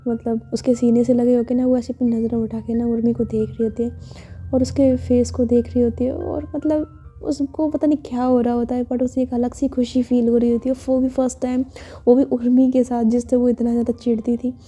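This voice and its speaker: A woman's voice: on the high side, flat delivery, fairly quick, dark tone, slightly rough, faint music behind. A woman telling a love story in a casual, chatty way, full of fillers. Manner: chatty, filler-heavy narration.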